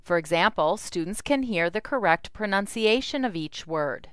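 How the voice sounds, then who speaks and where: A woman's voice: medium pitch, animated, moderate pace, clean tone, no echo, studio quality. A woman giving scripted instructional narration as the narrator of a product demo.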